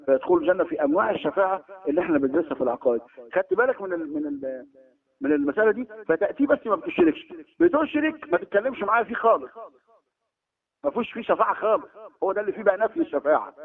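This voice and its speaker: Male Egyptian preacher, exhorting sermon delivery, lo-fi phone-quality recording, high voice. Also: animated, very fast. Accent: Egyptian Arabic. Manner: emphatic, exhorting, acts out quoted exchanges. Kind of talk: religious lesson sermon.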